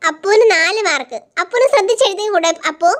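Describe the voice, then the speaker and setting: Stern schoolteacher, voiced by a woman, scolding, high-pitched, doll-play voice acting. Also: lively intonation, fast talker, a bit bright. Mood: bossy. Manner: stern, scolding, threatens to cane. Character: strict scolding female schoolteacher.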